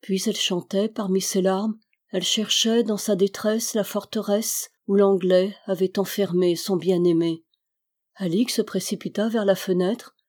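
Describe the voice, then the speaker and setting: A woman reads a classic novel aloud with measured, even pacing. Her voice is mellow and on the darker side, with a calm storytelling manner. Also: mid-range voice. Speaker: audiobook reader. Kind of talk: literary audiobook narration.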